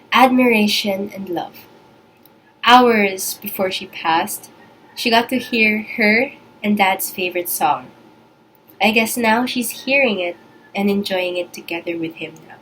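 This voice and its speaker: Young female, higher register, reading a eulogy tenderly and earnestly, some ambient noise behind. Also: low-quality recording. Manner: tender, earnest, measured delivery. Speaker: daughter giving a eulogy. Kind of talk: prepared eulogy speech.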